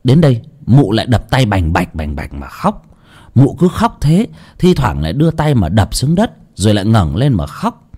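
A man's voice: fairly low pitch, sing-song, moderate pace, darkish tone, husky. A man narrating a village ghost story in a dramatic, suspenseful way.

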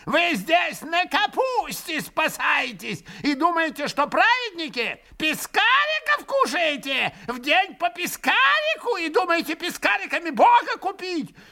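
A man voicing a furious, buffoonish old father in a storybook reading, shrill, strained and gasping for breath. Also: sing-song, a little slow, hardly any pauses, pushed and bright, full character voice. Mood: scornful ranting. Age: older. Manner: breathless, gasping, theatrical outbursts. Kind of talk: dramatic literary reading.

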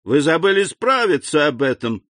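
A man voicing an indignant aging French king, imperious and frightened, in a commanding voice with sharp outbursts. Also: fairly high pitch, big pitch swings, normal speed, dry recording, studio quality, pitched above the performer's own voice. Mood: cold, commanding.

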